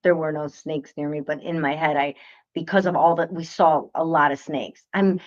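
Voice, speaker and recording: A talkative woman co-hosting a local TV show, swapping stories and laughing easily. Her voice sits a little low, and the sound is dull and lo-fi. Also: normal speed. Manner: chatty, animated storyteller who laughs often. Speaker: co-host. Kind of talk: casual chat.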